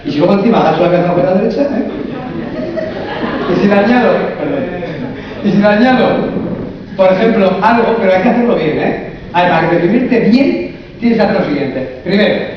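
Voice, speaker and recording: Higher-voiced man lecturing in echoey hall. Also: brisk, long pauses, a crowd in the background. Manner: humorous, lively, asks the audience many rhetorical questions. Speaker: coach and therapist speaking at a conference. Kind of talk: live conference talk. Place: large echoey conference hall. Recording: echoey hall from far off, dull sound.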